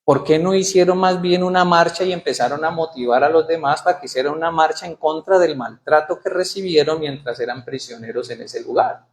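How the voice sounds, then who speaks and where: A man's voice: on the high side, fairly quick, few pauses. A man preaching a sermon in church, asking the congregation questions and reading scripture aloud with rising emphasis. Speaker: pastor.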